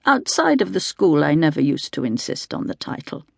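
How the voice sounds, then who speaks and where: In a low voice with big swings in pitch, a woman reads a literary audiobook in the first person, measured and deliberate. A gravelly creak runs through her voice, captured close and dry with no echo.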